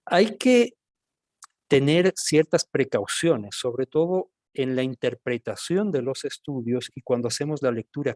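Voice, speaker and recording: A male physician with an Ecuadorian accent delivers a recorded medical lecture. His voice sits at an ordinary middle pitch, and he explains each point in a measured way, speaking straight to his listeners. The sound is dry, with no room echo. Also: a little mellow. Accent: Ecuadorian Spanish.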